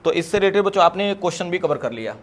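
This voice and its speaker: A man's voice: sits high, expressive, racing. A man teaching a chemistry lecture in a classroom, calling his students kids and asking questions that he answers himself.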